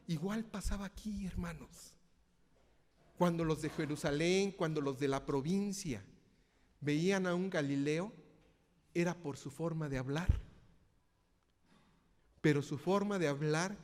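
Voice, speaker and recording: Preacher from Mexico City, echoing hall. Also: male voice, a little high, darkish tone. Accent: Mexico City Spanish. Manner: interactive, asks congregation questions. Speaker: minister. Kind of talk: sermon.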